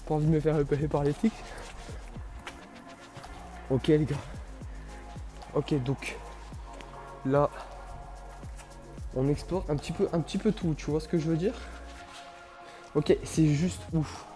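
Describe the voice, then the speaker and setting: A man's voice: fairly high pitch, steady tone, a little slow, pauses often, mellow, echoey room. A man giving casual, slangy running commentary as he explores a place, speaking to his viewers with awe. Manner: slangy, awestruck, addresses viewers. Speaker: vlog host. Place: exploring inside and around an abandoned building. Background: music.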